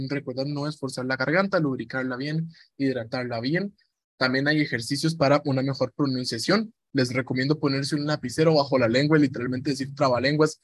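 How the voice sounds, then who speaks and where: A man's voice: a little high, dry recording. Chatty man teaching radio presenting. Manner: chatty, repeats himself, demonstrates voices. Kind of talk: informal online lesson.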